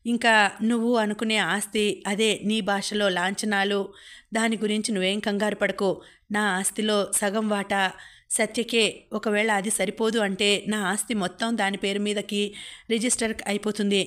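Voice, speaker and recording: A woman's voice: medium pitch, level tone, normal speed, fairly bright tone, lightly acted. A woman reading as a fiery young brother. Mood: determined.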